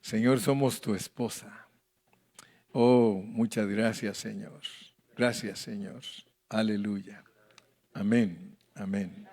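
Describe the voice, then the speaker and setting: A man pastor teaching a Bible study to his congregation, speaking slowly and deliberately, reading verses aloud and asking people to read along. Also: on the low side, steady tone, darkish tone. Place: church hall with a congregation.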